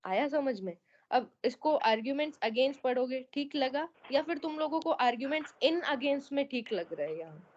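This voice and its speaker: Teacher woman, high voice, muffled call. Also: a little hiss or hum. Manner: explaining patiently, often checking in with students. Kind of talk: online class feedback on student essays. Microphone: online meeting audio.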